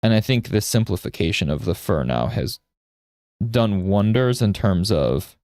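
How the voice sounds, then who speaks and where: Low-voiced man teaching art, dry sound. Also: gravelly, a little mellow, dry recording. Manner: rambling storyteller, checks in with "right?". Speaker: art streamer and instructor. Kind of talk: casual teaching while drawing live.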